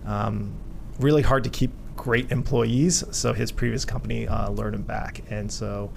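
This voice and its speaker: A man from Vietnam, a company co-founder, answering radio interview questions haltingly with many fillers. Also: fairly low pitch, steady tone, gravelly, a little mellow, a little hiss or hum. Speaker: guest, hotel company co-founder.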